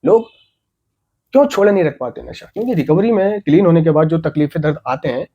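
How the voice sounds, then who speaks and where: A man's voice: on the high side, expressive, a little fast, warm tone, slightly rough, dull audio. A man giving an earnest, motivational talk about staying off drugs, repeating key points and asking rhetorical questions. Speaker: addiction recovery speaker.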